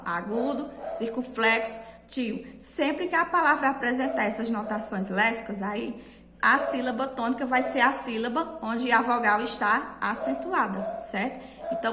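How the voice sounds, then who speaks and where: Brazilian woman teacher explaining grammar, kinda high voice, keeps asking certo, roomy echo. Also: fairly bright tone. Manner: explanatory, frequent "certo?" checks. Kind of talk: online grammar lesson. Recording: echoey room.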